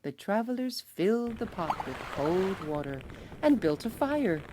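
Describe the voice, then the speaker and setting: A woman teacher reading a children's storybook aloud, slow and expressive. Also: mid-range voice, noisy background. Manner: slow, expressive, lively voices for characters.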